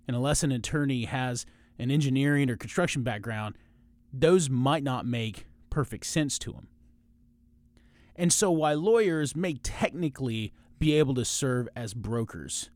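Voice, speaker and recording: Lawyer-host, male, mid-pitch, dry close sound, steady explainer who restarts phrases. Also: no echo. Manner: measured, explanatory, with frequent restarts. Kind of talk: informational podcast monologue.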